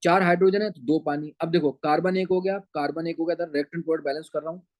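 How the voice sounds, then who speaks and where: Rapid-fire yet steady, a chemistry teacher with a Punjabi-tinged Hindi accent delivers an online lecture in a slightly high, somewhat mellow voice. He keeps calling his students beta and asking whether they've got it. The sound is dry and close, free of room echo.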